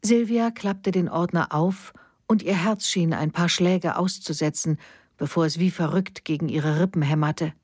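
Low-voiced woman reading a novel. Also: normal speed, darkish tone, slightly rough, dry recording, studio quality. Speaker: narrator. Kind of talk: audiobook narration.

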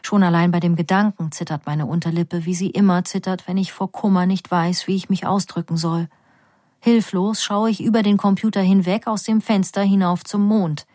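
Give me a woman reading a first-person story aloud, calm and measured, recorded dry and close. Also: fairly low pitch, no room sound. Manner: calm, measured, quiet inner voice. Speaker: reader.

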